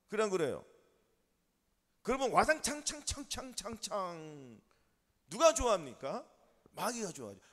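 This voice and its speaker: High-voiced man preaching in a reverberant hall. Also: fairly bright tone. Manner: call-and-response questions to the congregation. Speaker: pastor. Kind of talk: sermon. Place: church sanctuary.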